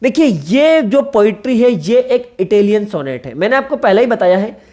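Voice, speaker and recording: A woman with a fairly high voice teaching a literature class for exam preparation. She explains each term patiently, repeats it and spells it out letter by letter. She keeps checking in with her students through rhetorical questions. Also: big pitch swings, moderate pace, mellow. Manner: explanatory, repeats key terms and spells them out. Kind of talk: exam-prep literature lecture.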